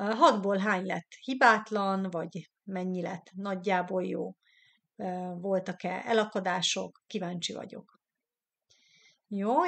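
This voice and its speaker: A Hungarian woman teaching English in a live online lesson. She says English words slowly twice, then gives their meaning in Hungarian, and chats in an encouraging way with her viewers. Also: mid-range voice. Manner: chatty and encouraging toward viewers.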